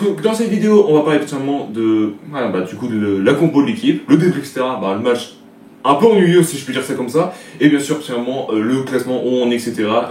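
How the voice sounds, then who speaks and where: A man's voice: mid-range voice, darkish tone. A young man hosting a casual football match debrief, rambling with lots of filler words and restarts. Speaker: football video debrief host. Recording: echoey room, distant mic, faint noise.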